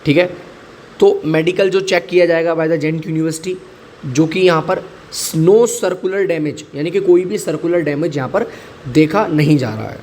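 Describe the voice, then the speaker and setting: A male teacher explains current affairs for exams in a chatty, repetitive way, slipping English phrases into his Hindi. His voice sits a little high. A faint hiss of background noise runs under the recording. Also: a little slow, darkish tone. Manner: chatty, mixes English into Hindi, repeats key points. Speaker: exam-prep teacher.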